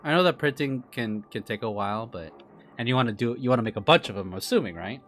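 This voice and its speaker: While live-streaming his reaction to a game, a man with a mid-range voice talks fast, chatting casually with viewers in an animated, talkative manner.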